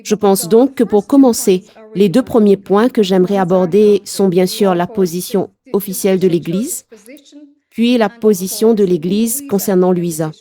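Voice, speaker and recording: Mellow-voiced woman hosting a panel. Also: medium pitch, normal speed. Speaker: host. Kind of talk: scripted introduction and moderating.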